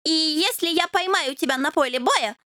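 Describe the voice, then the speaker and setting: Woman doing a high, pompous puppy knight. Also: normal speed, bright, forceful tone, no room sound, clean studio sound. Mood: courtly. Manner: high-pitched, peppers speech with "oh"; pompous, chivalrous. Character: eager young male fox terrier puppy, would-be knight.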